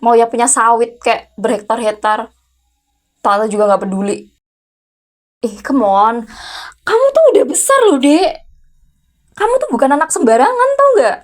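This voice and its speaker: A woman's voice: on the high side, lively intonation, normal speed, long pauses, lightly acted. A woman in an ASMR role-play voicing a furious, unmarried rich aunt who runs a company and is scolding her teenage nephew with sarcastic, challenging questions. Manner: scolding, sarcastic, repeated sharp "hah?" challenges. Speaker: VTuber role-play creator.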